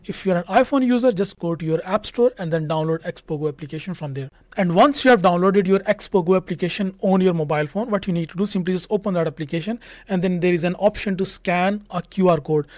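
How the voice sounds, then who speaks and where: A young man walks viewers through building a phone app, chatty and loose, leaning on fillers as he goes. His voice sits fairly high for a man. The sound is close and dry from a studio mic in a home room. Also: darkish tone, no echo. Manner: casual, repeats fillers like "just" and "like". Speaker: tech tutorial host. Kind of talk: screen-share coding tutorial. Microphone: studio mic on a stand in front.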